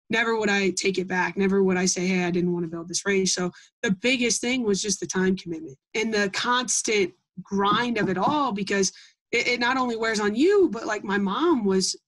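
A woman's voice: medium pitch, poor audio. A young woman from Iowa answering interview questions about her project, talking earnestly with many ums and restarts. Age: young adult. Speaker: interviewee, Gold Award scout.

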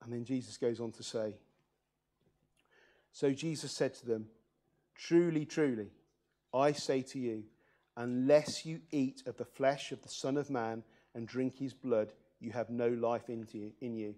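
A man's voice: medium pitch, steady tone, unhurried, warm tone. A man preaching a church sermon, reading scripture aloud and putting earnest questions to the congregation.

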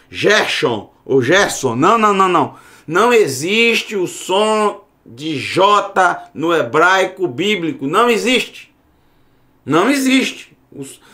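A man teaches a recorded Bible Hebrew lesson, going slowly, repeating words and checking in with the class. His voice sits high and sounds a bit bright.

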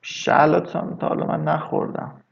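Guy going over vocab words, says each one slow and stretched, chats in between, kinda dull lo-fi sound. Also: fairly high pitch, flat delivery, gravelly. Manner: slow, drawn-out repetition of words, chatty asides. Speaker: English teacher. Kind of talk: casual vocabulary lesson.

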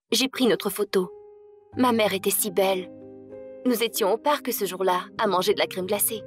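A woman narrating a first-person story in an emotional, dramatic way. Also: on the high side. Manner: dramatic, emotional delivery that rises in tense moments.

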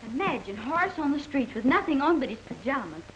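An actress playing an anxious, doting young bride in 1940s screwball comedy banter, on an old film soundtrack. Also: female voice, sits high, sing-song, a little fast, fairly bright tone, dull audio, a little hiss or hum. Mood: worried, tender.

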